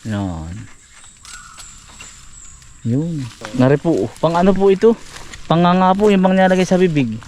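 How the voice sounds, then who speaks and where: High-voiced chatty man vlogging outdoors. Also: animated, measured pace, long pauses, darkish tone, slight background noise. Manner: chatty, keeps coaxing and cautioning a helper. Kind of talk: casual outdoor vlog narration. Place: outdoors in rural woodland.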